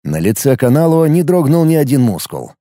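A man narrating a first-person audiobook, reading in an expressive storytelling manner. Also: medium pitch, a little fast, no room sound, studio quality.

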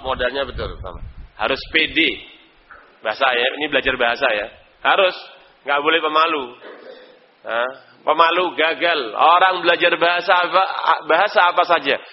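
A man's voice: fairly high pitch, slight background noise. A man with an Indonesian accent teaching an Arabic language class, quizzing students by name and chuckling now and then. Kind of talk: live online Arabic class. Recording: dull lo-fi recording.

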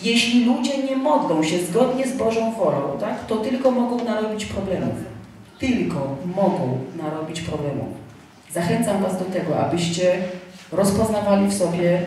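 A woman preaches in a relaxed, storytelling way, often repeating a line and asking the congregation whether they follow. Her mid-pitched voice comes from some way off the mic. It booms around a large, very reverberant church hall with a faint hiss underneath. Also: moderate pace. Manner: repeats key phrases, checks in with listeners. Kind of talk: sermon with personal anecdotes. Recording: very echoey hall, mic far off, faint noise.

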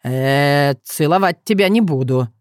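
A woman doing a gruff, bewildered young man. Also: deep voice, measured pace, darkish tone, dry recording, studio quality, pitched below the performer's own voice. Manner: blunt slangy talk.

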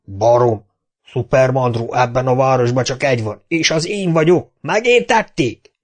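A man voicing a hot-tempered, bullying male mayor in an audiobook, barking and shouting. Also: on the high side, lively intonation, voice pushed up. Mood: furious. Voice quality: shouting, bossy.

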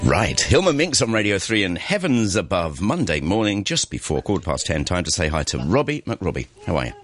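A man's voice: deep voice, sing-song, fairly quick, fairly bright tone, soft background music. A man hosting a radio show in a casual, bantering way, often echoing what his guest says. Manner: bantering, echoes the guest's words. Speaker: radio host. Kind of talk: casual chat.

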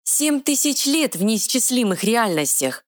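A woman voicing a tiny, sharp-tongued female fairy guardian with quick retorts, in a dry close recording. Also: a little high, very animated, no echo, pitched above the performer's own voice. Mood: feisty.

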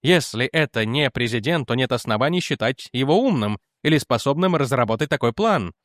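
A man's voice: mid-range voice, expressive, a little fast, no echo, studio quality, lightly acted. A man reading aloud as a skeptical male official who defends the president and argues back. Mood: arguing.

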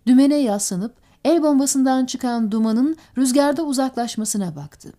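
A woman reading an audiobook narration in a steady, measured way. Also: high voice.

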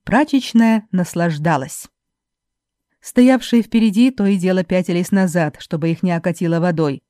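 Brief: woman audiobook narrator, expressive literary reading, mellow dark tone, dry close sound. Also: lowish voice, moderate pace, no room sound. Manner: dramatic, vivid reading.

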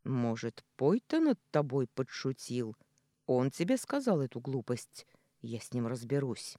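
An audiobook reader voicing Jella, a male non-human Yass who speaks slowly and firmly with a quiet threat, in a dry, mellow recording. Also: mid-range voice, expressive, no echo. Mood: coaxing. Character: male Yass, a non-human being, stern then gentle.

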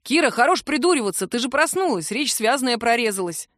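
A woman's voice: fairly high pitch, animated, fairly quick, fairly bright tone, dry recording, studio quality. Woman voicing a cheeky teasing young man. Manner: teasing, cheerfully pushy.

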